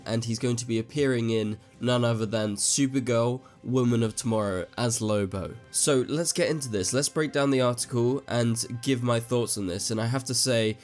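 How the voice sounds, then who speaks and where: Still getting over an illness that leaves his voice a little off, a man hosts his own YouTube show, chatting casually through news commentary with frequent tangents. His tone is medium-pitched and a little mellow.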